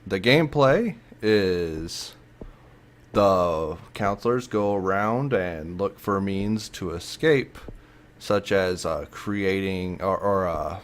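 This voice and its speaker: A man's voice: low voice, slow. A man giving a casual commentary vlog about a video game, blunt and ranting, swearing freely, with many fillers and restarts.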